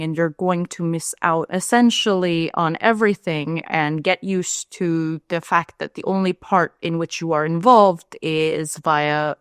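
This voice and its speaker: Young woman from India, candid chatty vlogger, lowish voice, close dry sound. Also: smooth, dry recording. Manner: chatty and candid, lively rises in pitch. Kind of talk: casual talk to camera.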